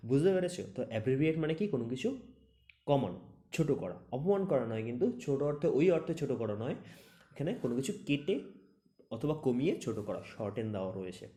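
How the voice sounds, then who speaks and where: A man's voice: medium pitch, animated, quick pace, warm tone. A man teaching exam-prep vocabulary, explaining with many examples and often asking if students have understood. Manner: asks "understood?" after each point.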